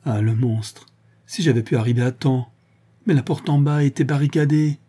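A man's voice: medium pitch, normal speed, warm tone, breathy edge, voice pushed up, close to an everyday voice. A man voicing a wounded, loyal Breton maid who stammers out urgent words.

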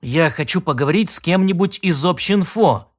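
A man's voice: on the high side, expressive, moderate pace, close to an everyday voice. A man playing belligerent citizen Sid. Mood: indignant. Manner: belligerent, demanding. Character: Sid, indignant respectable male citizen.

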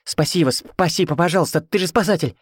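A man voicing a frantic middle-aged woman, stammering and pleading at a shout in an audiobook. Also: on the high side, fast, husky, dry recording, clean studio sound, voice pushed up.

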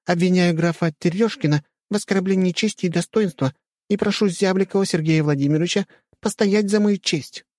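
A man doing a teasing young princess, high and mock-formal. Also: a little fast, a little mellow, no echo, clean studio sound, lightly acted. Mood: mock-solemn. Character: playful haughty young princess, woman.

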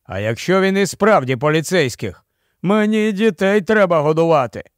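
A man's voice: high-pitched, animated, moderate pace, no echo, studio quality. A man voicing a nervous male thug who worries about feeding his children. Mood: anxious.

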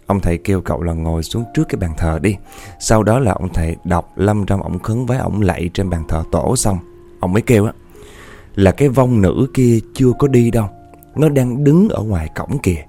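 Guy telling a ghost story, low mellow voice, soft music behind. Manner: animated, repeats words for effect, addresses listeners directly. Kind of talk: spoken ghost story narration.

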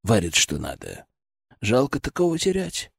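A man voicing a gruff, blunt, middle-aged male surgery chief who teases and bosses his colleague. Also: medium pitch, huge pitch swings, moderate pace, no room sound, clean studio sound, pitched below the performer's own voice, full character voice. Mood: gruff teasing. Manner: teasing, blunt, bossy.

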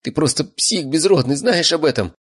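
A man voicing a frightened, tearful young woman who pleads in a shrill, raised voice in an audiobook. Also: steady tone, a little fast, a little mellow, breathy edge, lightly acted.

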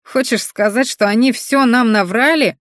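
Crude brash teen boy read by a woman, loud, higher pitch, dry. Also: normal speed, no echo, close to an everyday voice.

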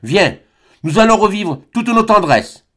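A man voicing a passionate young woman, high and pleading. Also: sing-song, unhurried, fairly bright tone, full character voice. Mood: longing. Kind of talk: audiobook character reading.

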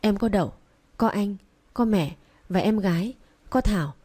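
A woman reading a young mother in an audiobook, coaxing her small son in a soft voice. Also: medium pitch, normal speed, slightly rough, close to an everyday voice. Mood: resigned. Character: young mother, gentle and anxious.

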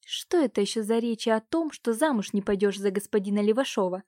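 A woman's voice: medium pitch, expressive, fairly quick, a little mellow, no echo, studio quality, close to an everyday voice. A woman voicing a cruel, domineering uncle who scolds and threatens his niece. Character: cruel domineering middle-aged uncle, man.

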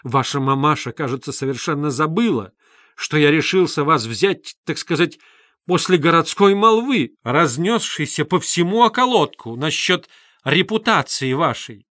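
A man's voice: on the high side, lively intonation, moderate pace, a bit bright, dry recording, clean studio sound. A man doing a pompous, spiteful suitor. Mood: bitter. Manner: sarcastic, haughty, ceremonious.

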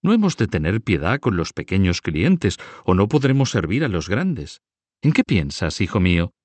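A man voicing a cunning older banker who speaks smoothly and persuasively. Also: deep voice, big pitch swings, moderate pace, a little mellow, dry recording. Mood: instructive. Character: cunning older Italian male banker, soft-spoken.

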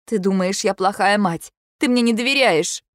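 A woman voicing an exhausted, anxious young mother who pleads and rises to shouts. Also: mid-range voice, moderate pace, dry recording, studio quality, pitched above the performer's own voice, close to an everyday voice. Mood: pleading.

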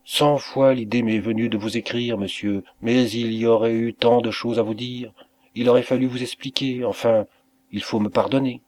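A man's voice: mid-range voice, steady tone, normal speed, a little mellow, close to an everyday voice. A man voicing an emotional, grateful innkeeper who speaks in raised, exclamatory bursts. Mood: earnest. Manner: effusive, exclamatory.

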